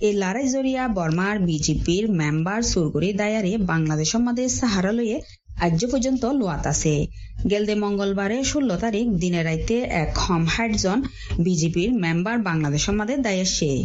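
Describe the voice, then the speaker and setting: A woman's voice: medium pitch, animated, a little fast, a little mellow, dull audio, slight background noise. A woman with a Rohingya accent presenting scripted radio news.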